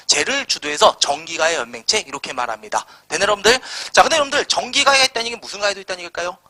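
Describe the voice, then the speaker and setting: A man's voice: high voice, pushed and bright. A man teaching a live history class, firing rhetorical questions at his students and answering them himself in casual, slangy speech. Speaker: Korean history lecturer.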